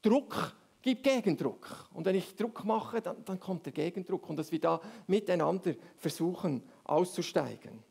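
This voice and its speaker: A man's voice: sits high, animated, normal speed, creaky, darkish tone, breathy edge. A man preaching a sermon, explaining step by step and often checking in with "oder?".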